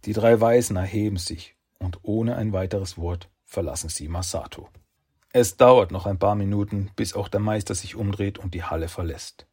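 A man narrating a dramatic scripted story with a smooth, measured, read-out delivery. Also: low voice, dark tone.

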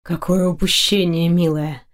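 A woman voicing an adult male dark knight in an audiobook, with a husky, velvety voice, speaking low and mocking, half in a whisper. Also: steady tone, normal speed. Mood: husky teasing.

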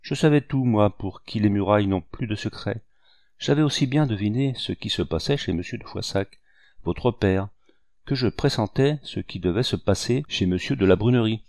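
A man reading the part of a shrewd, good-natured old hunter in an audiobook, speaking with calm assurance. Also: on the low side, normal speed, dry recording, studio quality, lightly acted. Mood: assured.

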